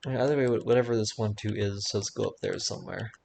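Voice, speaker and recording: Man, gravelly voice, mid-pitched, halting self-corrections, faint background hiss. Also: steady tone, darkish tone. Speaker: streamer solving logic puzzles. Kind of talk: thinking aloud while solving.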